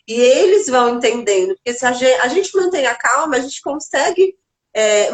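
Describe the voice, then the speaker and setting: Lively high-voiced woman telling stories. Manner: animated storyteller who acts out dialogue. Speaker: mother. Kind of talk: casual live-stream chat.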